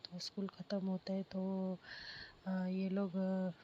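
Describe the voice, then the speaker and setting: A woman storyteller chatting her way through a romance tale at home, loose and full of fillers. Her delivery is flat and even, and the recording is slightly muffled with a faint child crying behind. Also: medium pitch, slow pace, slight background noise. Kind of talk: casual spoken storytelling.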